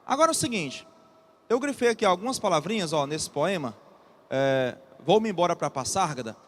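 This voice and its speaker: A man's voice: sits high, animated, fairly bright tone, slight background noise. A Brazilian man teaching an exam-prep literature class, reading a poem aloud and then explaining it with frequent checks to the students. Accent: Brazilian Portuguese. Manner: repeats key terms slowly for students to note.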